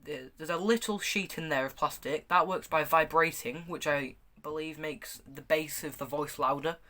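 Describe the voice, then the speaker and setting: A man's voice: a little high, normal speed, sharp tone. A man giving a casual, hands-on product review, speaking in a stop-start, hesitant way with repeated words. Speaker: gas mask reviewer. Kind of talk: casual product review, showing items to camera.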